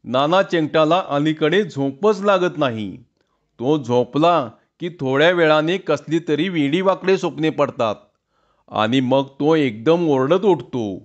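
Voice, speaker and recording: A man's voice: a little high, lively intonation, unhurried, lo-fi sound. A man voicing a gossipy village schoolmaster who recounts the news at length. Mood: telling.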